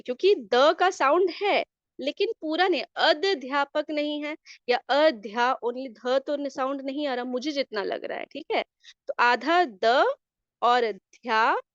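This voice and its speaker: A woman's voice: high-pitched, dry recording, lo-fi sound. A woman teacher going through an exam answer key, explaining each question step by step and often checking in with listeners. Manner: explanatory, often adds "theek hai" checks.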